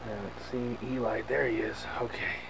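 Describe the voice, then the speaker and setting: A man's voice: lowish voice, little pitch movement, fairly quick, vocal fry. Joking man hiking with a camcorder. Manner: playful mock-dramatic asides. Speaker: hiker filming a trail. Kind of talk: jokey handheld hiking commentary. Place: outdoors on a forest trail. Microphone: handheld camcorder mic. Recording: noisy outdoor camcorder audio.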